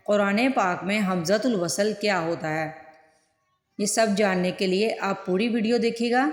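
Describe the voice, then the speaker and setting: A woman from Pakistan, teaching a Quran lesson patiently and repetitively. She asks rhetorical questions, answers them herself, and mixes in English words. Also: mid-range voice. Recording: echoey room with long reverb.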